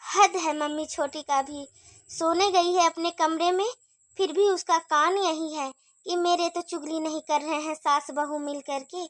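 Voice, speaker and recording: A woman's voice: very high voice, expressive, measured pace, a bit bright, no echo, voice pushed down, heavily acted. Woman voicing a gossiping elder daughter-in-law. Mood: gossipy. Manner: gossiping, complaining.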